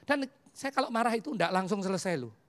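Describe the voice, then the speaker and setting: A preacher with a Javanese accent tells personal stories from the pulpit, acting out both sides of little conversations. The delivery is lively and playful, with English phrases slipped in, and carries the ease of someone in their fifties. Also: mid-range voice, quick pace. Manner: animated storyteller who acts out dialogues and mixes in English phrases. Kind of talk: humorous sermon with personal stories.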